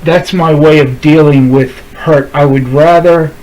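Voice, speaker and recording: A man's voice: a little high, steady tone, a little slow, darkish tone, low-quality recording. A man speaking straight to camera in a heartfelt, pleading monologue that keeps circling back on itself. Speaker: vlogger. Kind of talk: emotional direct-to-camera monologue.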